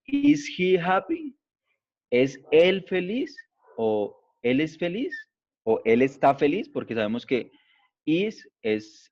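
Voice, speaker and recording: A man's voice: mid-range voice, a little mellow, no echo. A man teaching an English class, explaining step by step in a patient way and often checking that students follow. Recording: dull lo-fi recording.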